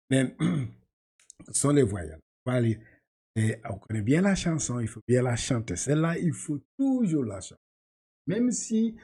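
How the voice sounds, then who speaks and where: A husky, mellow-voiced man leads a reading class and drills letter sounds one by one. He explains with patient repetition and breaks into easy laughter. His words sometimes slip into English. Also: mid-range voice. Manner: repeats syllables patiently, laughs often, switches into English words. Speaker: Quran reading teacher. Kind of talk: teaching class.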